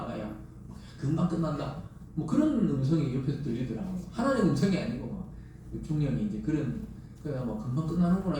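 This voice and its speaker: A man's voice: fairly high pitch, warm tone, slight background noise. A middle-aged man preaching a Sunday sermon, emphatic and full of rhetorical questions to the congregation. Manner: emphatic, rises and drops sharply for stress. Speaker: pastor. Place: church sanctuary. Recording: echoey church sound from a distant mic.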